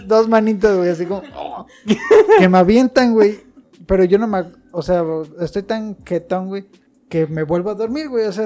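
A young man with a Mexican Spanish accent, telling a slangy anecdote through laughs in casual chat. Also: sits high. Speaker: podcast co-host.

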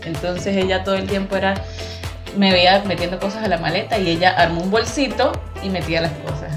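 A woman's voice: mid-range voice, fairly quick, over music. A Venezuelan woman being interviewed, telling a personal story with feeling and acting out the voices of her family. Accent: Venezuelan Spanish. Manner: animated, acts out quoted voices.

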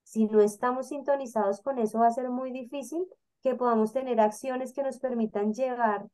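A woman co-hosting a casual panel talk, explaining emotions in an animated way and acting out the people she quotes. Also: fairly high pitch, normal speed. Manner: animated, acts out quoted voices. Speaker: co-host.

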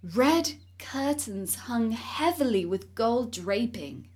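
A woman narrating a fairy tale in an expressive reading voice. Her pitch is high and swings widely. She takes her time over each phrase. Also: breathy edge. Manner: slow, expressive storytelling. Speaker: storyteller.

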